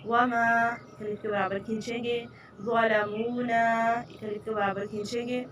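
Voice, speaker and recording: A woman's voice: fairly high pitch, steady tone, normal speed, distant mic, lo-fi sound, noisy background. A woman teaching a Quran recitation lesson, patiently explaining each sound and repeating the right and wrong way to say it. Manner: patient, instructive, repeats correct and wrong pronunciations. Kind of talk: tajweed lesson.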